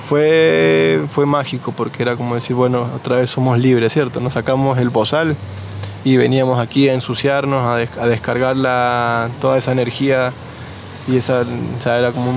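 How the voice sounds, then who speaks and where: An Argentine man being interviewed outdoors, talking in a relaxed, rambling way with fillers and restarts. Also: medium pitch, moderate pace, gravelly, a little hiss or hum. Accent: Argentine Spanish. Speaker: interviewee, nursery co-founder. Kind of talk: casual conversational interview.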